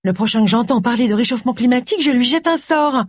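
A whiny, jumpy witch daughter with a high, strained voice, as a woman reader puts her on. The voice is breathy and rises sharply. It is read dry and close for an audiobook. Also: animated, quick pace, no room sound. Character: whiny grown daughter witch, easily scared.

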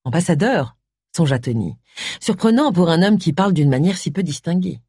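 An audiobook narrator reading a novel with an expressive, varied delivery. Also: medium pitch, brisk, breathy edge, no room sound, clean studio sound.

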